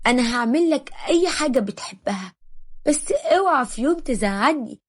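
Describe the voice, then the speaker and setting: A woman voicing a gentle, childlike young woman with an Egyptian accent, eager and pleading in a storybook reading. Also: sits high, expressive, fairly quick, husky.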